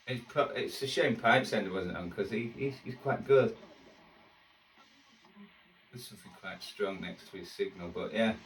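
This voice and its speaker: This shortwave radio hobbyist presenter has a voice on the low side, a bit bright, at normal speed with long pauses. He chats casually while tuning the radio, its music playing, in a roomy recording from a distant mic with slight background noise.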